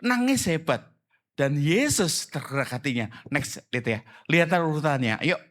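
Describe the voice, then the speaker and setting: A male pastor giving a conversational sermon, animated and quizzing his congregation with quick questions. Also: on the high side. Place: church service.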